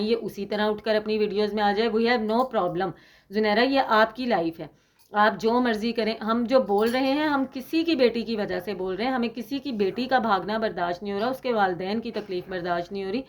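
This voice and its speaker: Woman, YouTube commentator, sarcastic, indignant, mid-range pitch. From Pakistan. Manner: indignant and sarcastic, emphatic scolding. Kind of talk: opinionated commentary monologue.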